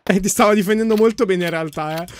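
A male gaming channel host in casual chat, playful and teasing, with quick exclamations. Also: sits high, a little hiss or hum.

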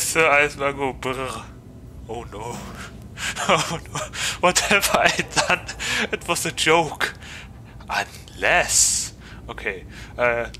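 Bright-voiced flustered German gaming streamer. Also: male voice, on the high side, slight background noise. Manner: playful, easily flustered, laughs a lot. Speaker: VTuber streamer. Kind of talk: casual gaming stream chat.

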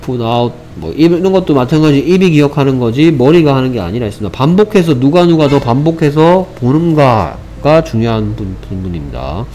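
A man's voice: medium pitch, very animated, brisk, few pauses, warm tone, soft background music. A man teaching an English vocabulary lesson. He explains step by step, repeats each phrase, and mixes English examples into his explanations, speaking English with a Korean accent.

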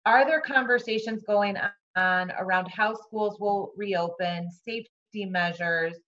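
A woman's voice: mid-range voice, unhurried, fairly bright tone. A woman moderating a virtual town hall, reading audience questions aloud over a video call. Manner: plain, reads questions aloud. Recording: dull lo-fi call audio.

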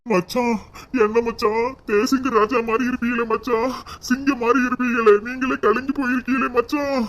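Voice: mid-range voice, flat delivery, fairly quick, lightly acted. A performer doing a pleading cartoon brother. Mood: consoling. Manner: pleading, soothing. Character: consoling brother and son-in-law, man.

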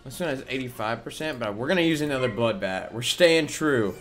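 A man's voice: mid-range voice, animated, a little fast, soft background music. A young man doing casual, playful gameplay commentary, talking to himself as he plays. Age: young adult. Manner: playful self-talk, reacting to game. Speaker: gaming YouTuber. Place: indoor room at home, on webcam.

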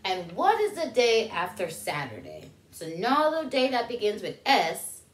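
Her voice is mid-range and moderately paced as she, a woman in her thirties, reads to young kids at story time in an animated, inquisitive style, lengthening key words. The space sounds roomy, with echo indoors.

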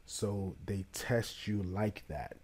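In a slow, fairly low voice, a young man chats to camera about a certification exam. The review is casual and relaxed, and he leans on plenty of fillers as he talks.

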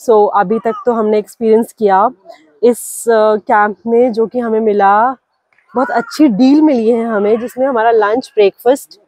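A woman's voice: medium pitch, darkish tone, no room sound. A young woman in her twenties chatting upbeat in a travel vlog, filming herself outdoors at a hillside campsite on a handheld phone. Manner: chatty, upbeat, mixing English words into Hindi. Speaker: vlogger. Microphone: phone held at arm's length.

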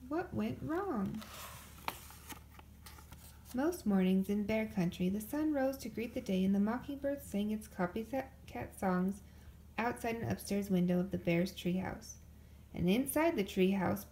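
A woman reading a children's picture book aloud, gentle and unhurried, drawing out her questions like a storyteller. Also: mid-range voice, animated, a little hiss or hum, rough recording. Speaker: storybook reader.

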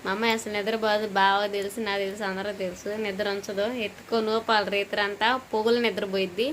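A young new mother chats at home at night. She sounds worn out and feverish, and her bright, clear voice carries a tired, complaining tone. A faint hum of the house sits behind her. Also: medium pitch, little pitch movement, quick pace. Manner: tired, complaining, talking straight to viewers. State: weary, feverish and short of sleep. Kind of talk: casual home vlog chat.

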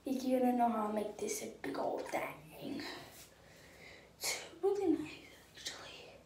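A woman's voice: a little high, big pitch swings, unhurried, a little mellow, whispered, recorded from a distance. Playful young woman rambling in an echoey room. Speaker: vlogger. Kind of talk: casual chat while doing her hair.

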